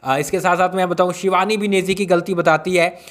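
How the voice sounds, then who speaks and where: ऊँची आवाज़ वाला पुरुष यूट्यूबर, गपशप भरी अपडेट नाटकीय ढंग से सुनाता है. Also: male voice, high-pitched, steady tone, a little fast, fairly bright tone. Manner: dramatic, hypes up the news and re-enacts quarrels. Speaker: YouTuber giving reality show updates. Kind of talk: excited gossip recap.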